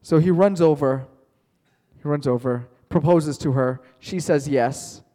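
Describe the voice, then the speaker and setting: In a classroom with a long echo, a male teacher tells his students a playful invented tale, joking as he goes and naming students to call on them. His voice is dark in tone, somewhat high for a man, and his pace is slow.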